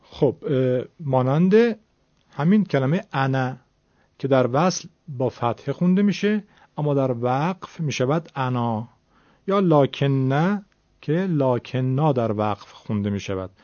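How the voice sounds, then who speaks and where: A man's voice: mid-range voice, expressive, darkish tone, dry recording. A man teaching a recitation lesson, explaining the rules patiently and repeating words so learners can follow. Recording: dull lo-fi sound.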